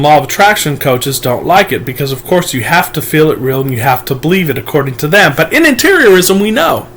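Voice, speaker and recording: Guy coaching his viewers, preachy and emphatic, kinda high voice, faint hiss behind. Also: a bit bright. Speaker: manifestation coach. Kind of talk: motivational monologue to camera.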